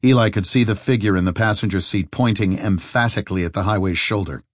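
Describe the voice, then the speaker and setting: Male audiobook narrator, lowish voice, steady even delivery, dry close recording. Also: quick pace, no echo. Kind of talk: scripted narration.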